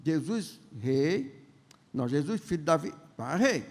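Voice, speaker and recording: Older man, bishop preaching, high voice, long church reverb. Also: sing-song. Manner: conversational, joking, asks the congregation questions; acts out the characters' lines in quick voices. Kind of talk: sermon. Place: large church hall.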